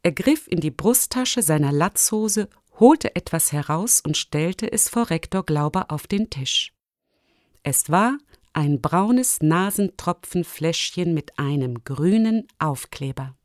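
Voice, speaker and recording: A woman reading a children's storybook aloud in a calm, even, deliberate manner. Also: on the low side, dry recording, studio quality. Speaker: audiobook reader.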